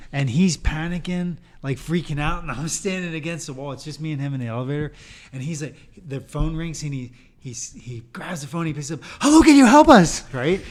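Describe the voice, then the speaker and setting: Animated man telling a story, laughing. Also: a little high. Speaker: podcast co-host. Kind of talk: casual storytelling on a podcast.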